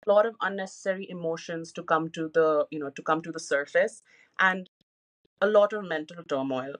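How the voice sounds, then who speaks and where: A woman's voice: deep voice, a little fast. A woman in her thirties co-hosting a podcast, talking candidly and openly with many "you know" fillers. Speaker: podcast co-host. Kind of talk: casual personal podcast talk.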